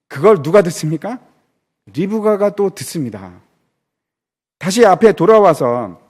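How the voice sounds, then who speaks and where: Lively, high-voiced male preacher. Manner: dramatic preaching, acting out characters' words; asks and answers rhetorical questions. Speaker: pastor. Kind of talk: sermon. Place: church.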